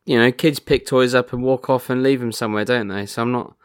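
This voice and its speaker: A man co-hosting a podcast in casual chat, wry and quick to exclaim, often stammering as he restarts. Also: mid-range voice, steady tone, smooth, dry recording, studio quality. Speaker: podcast co-host.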